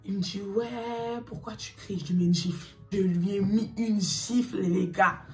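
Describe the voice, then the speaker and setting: A young woman telling a personal story to her viewers in a casual, animated, slangy and emphatic way. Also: medium pitch, moderate pace, creaky, far from the mic, faint music behind.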